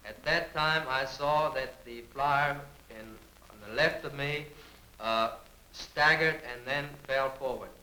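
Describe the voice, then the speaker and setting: A man interpreting live in a courtroom in short, halting phrases. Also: medium pitch, bright, forceful tone. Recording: echoey archival courtroom audio, faint noise.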